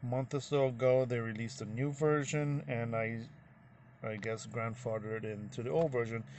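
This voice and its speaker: A man's voice: mid-range voice, fairly even intonation, moderate pace, darkish tone, a little hiss or hum. A middle-aged man vlogging casually, walking viewers through his phone screen in a folksy, rambling way. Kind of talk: casual screen-recorded walkthrough.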